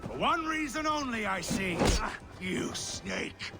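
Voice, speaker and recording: A cruel Viking warlord from a video game, rather high in pitch for a man and widely swinging in intonation. He is proud, menacing and imperious, with loud music playing behind him. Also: big pitch swings, takes it slowly, heavily acted. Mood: spiteful. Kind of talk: dramatic video game acting.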